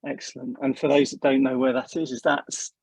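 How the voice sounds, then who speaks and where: A man's voice: mid-range voice, lively intonation, brisk, gravelly, a little mellow, breathy edge, no echo, rough recording. A man hosting a webinar, chatty and welcoming, joking lightly with his guests over a video call. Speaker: webinar host. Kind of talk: casual webinar welcome chat.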